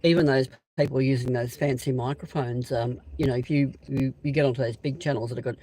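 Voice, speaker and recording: A man's voice: mid-range voice, steady tone, warm tone, low-quality recording. Rambling Australian man, live outdoors. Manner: rambling, hesitant, many pauses and restarts. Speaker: channel host. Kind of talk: casual live-stream chat. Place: outdoors beside a railway siding.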